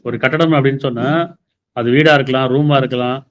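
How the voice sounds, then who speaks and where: A man's voice: mid-range voice, fairly even intonation, fast. A man giving a sermon, explaining scripture verses and asking rhetorical questions. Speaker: preacher.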